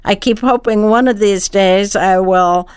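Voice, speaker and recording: A woman's voice: mid-range voice, a little slow, clear, resonant tone, no echo. An older woman answering questions conversationally as a guest on a radio show. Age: older, over 55.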